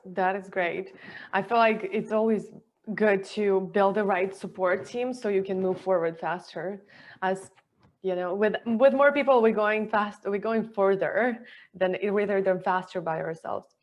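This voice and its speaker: A woman's voice: medium pitch, measured pace. Enthusiastic woman hosting an interview. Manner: enthusiastic, rambling questions in non-native phrasing. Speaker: podcast host.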